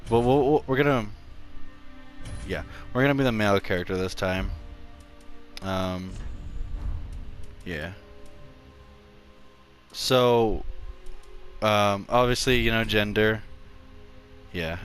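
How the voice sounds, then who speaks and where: In a lowish, slightly bright voice, a man narrates a casual gameplay tutorial about a video game's character creation. He rambles, using lots of fillers and restarting his sentences.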